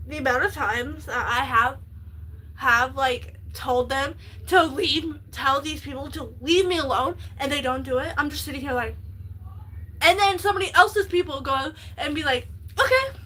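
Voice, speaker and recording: A woman livestreaming, telling stories in a rambling, excitable, casual way. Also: high-pitched, normal speed, poor audio.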